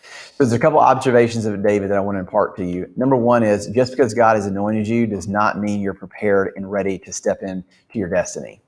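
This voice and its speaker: A man giving a faith-based motivational talk to his company, telling stories in an earnest, animated way with frequent restarts. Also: fairly low pitch, fast talker.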